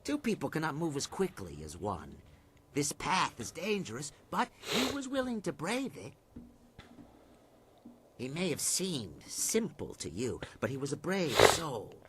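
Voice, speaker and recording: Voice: medium pitch, wildly swooping pitch, measured pace, noisy background. An actor voicing a wary keeper of a haunted inn in a video game, speaking formally and with suspicion. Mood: guarded.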